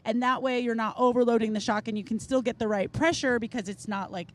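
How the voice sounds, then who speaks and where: At an outdoor rally event, a woman hosts a live show and chats with guests casually and enthusiastically in an on-site interview. She talks fast in a steady tone, yet acts out quotes with big pitch jumps.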